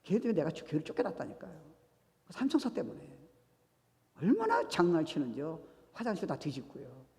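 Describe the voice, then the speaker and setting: A man's voice: fairly high pitch, a little fast. A male pastor preaching a sermon, telling stories with acted-out dialogue and dropping English phrases into his talk. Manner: animated storytelling, acts out dialogue, mixes English phrases. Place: church sanctuary. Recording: reverberant church sanctuary.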